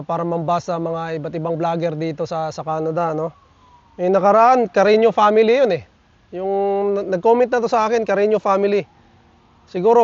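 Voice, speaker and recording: High-voiced chatty man vlogging outdoors. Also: dry recording, highs cut off. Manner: chatty, peppers lines with tag questions, addresses viewers as buddies. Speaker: vlogger reading viewer comments. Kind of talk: casual vlog chat. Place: outdoors in nature.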